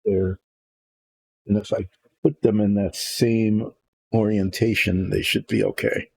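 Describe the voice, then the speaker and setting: Gravelly older man chatting while painting. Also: lowish voice, flat delivery, a little slow, dry recording. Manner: rambling, thinking aloud with restarts. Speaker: hobby painting host. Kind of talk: relaxed workshop chat while painting. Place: home workshop.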